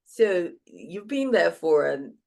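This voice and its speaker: A woman's voice: fairly low pitch, big pitch swings, slow, vocal fry, warm tone. A woman, interviewing a guest in a casual, conversational style as host.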